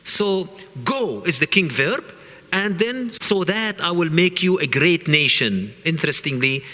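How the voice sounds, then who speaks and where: Man, earnest lecturer, bright voice, somewhat high, reverberant hall. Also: animated, unhurried. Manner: earnest, repeats words, reads Hebrew aloud. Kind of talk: teaching lecture on scripture.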